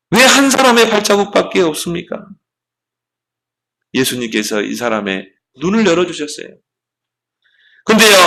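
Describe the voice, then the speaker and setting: A male pastor delivering a sermon, preaching emphatically with many rhetorical questions and slowing down to recite scripture. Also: high-pitched, gravelly, a bit bright, low-quality recording.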